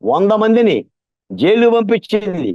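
A man speaking as a political guest in an impassioned interview. His voice sits fairly high, and he leans hard on his points and repeats them. The recording is dull and very dry. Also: very animated, a little slow, dry recording. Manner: emphatic, repeats lines, gets louder and more intense.

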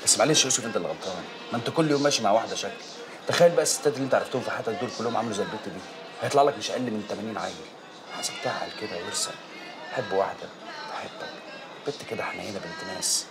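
An actor playing a brash, quick-tempered young Egyptian man who banters roughly with a friend, in an Egyptian Arabic accent. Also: fairly low pitch, lightly acted. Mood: bantering. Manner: teasing, rough street banter. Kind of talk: film drama dialogue. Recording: music under film dialogue.

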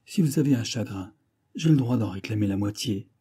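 A man voicing a tender young noblewoman bride, pleading earnestly with her husband in a husky voice. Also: on the low side, lively intonation, brisk, warm tone.

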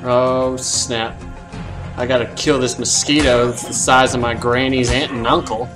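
A man's voice: medium pitch, flat delivery, a little slow, over loud music. A man hosting a comedic let's play, boasting and trash-talking the creatures he fights, with a profane, playful manner. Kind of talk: comedic gameplay commentary.

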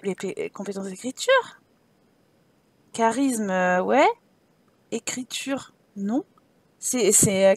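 High-voiced woman chatting over gameplay. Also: no room sound. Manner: chatty, teasing, scolds her game characters. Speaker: let's play host. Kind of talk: casual gameplay commentary.

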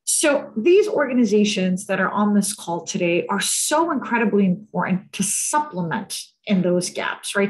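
A woman's voice: mid-range voice, poor audio. A woman in her thirties from the United States, speaking earnestly over a video-call headset and often checking in with "right?". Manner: earnest, frequent tag "right?" and "um". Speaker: guest speaker on cultural competence.

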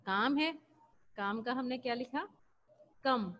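A woman teaches young pupils in a slightly high voice. She is patient and explains things step by step. She often stretches single words out slowly and repeats them so children can follow. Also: fairly bright tone. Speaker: primary school teacher. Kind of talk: recorded classroom lesson.

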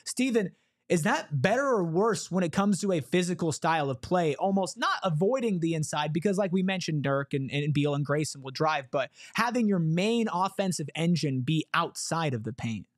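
A young man hosting a casual sports podcast, animated and joking as he tosses questions to his guests. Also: on the high side, moderate pace, no echo, studio quality. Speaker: podcast host. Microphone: podcast microphone on a boom.

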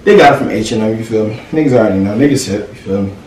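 A man's voice: on the low side, racing, darkish tone, distant mic. Slangy young man vlogging off-mic. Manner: slangy, laid-back, keeps asking "you feel me". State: out of breath. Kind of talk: casual haul vlog. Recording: echoey room, off-mic, faint hiss.

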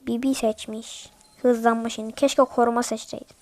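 A woman giving excitable live gameplay commentary. She pleads and shouts at the game in repeated bursts and chats to viewers in between. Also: on the high side, moderate pace. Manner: chatty asides to viewers. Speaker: mobile game streamer.

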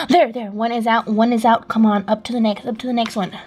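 A woman chatting casually in a vlog, excitable and fretful, gasping as she handles her dolls. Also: fairly high pitch, breathy edge. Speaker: doll vlogger.

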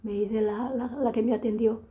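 A woman's voice: a little high, steady tone, normal speed, warm tone. A middle-aged woman with a Dominican accent, chatting casually to her vlog audience in a rambling way, often restarting her sentences. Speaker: vlogger. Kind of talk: casual chat to camera.

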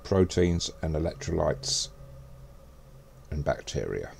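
A man's voice: a bass voice, very animated, slow pace, vocal fry, darkish tone, slight background noise. A man streaming a space game, chatting casually as he plays and muttering to himself. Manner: muttering to himself while playing. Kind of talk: casual gameplay commentary.

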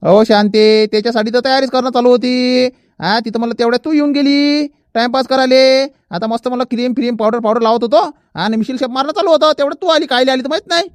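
A man's voice: extremely high pitch, fast talker, clean tone, no echo. A man playing a vain, dawdling seventy-year-old village man in a comedy skit, fussy and full of excuses. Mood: defensive.

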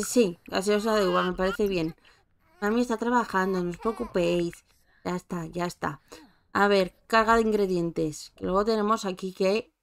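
A female gameplay streamer offers casual, chatty let's-play commentary on a life-simulation game, talking to her characters as she plays. Her voice is mid-range with vocal fry.

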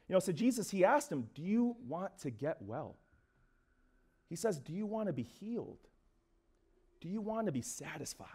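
Young male guest speaker, relaxed conversational sermon, high and very animated pitch. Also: breathy edge. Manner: casual, conversational preaching with fillers and acted asides. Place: church.

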